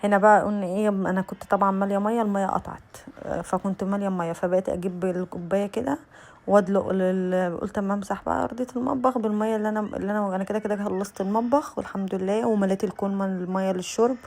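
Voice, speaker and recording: A woman's voice: mid-range voice, fairly even intonation, rapid-fire, darkish tone. A young adult Egyptian woman with an Egyptian Arabic accent, chatting casually in voice-over as a lifestyle vlogger, speaking straight to her viewers with many restarts. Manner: chatty, addresses viewers directly, frequent restarts.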